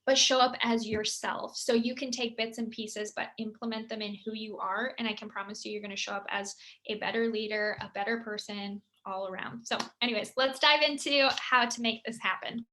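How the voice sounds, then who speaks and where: A bubbly young woman chats through a motivational talk for her team, laughing often. Her voice is high and bright, with a quick, forward sparkle. She keeps things light and friendly. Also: steady tone. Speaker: team leader.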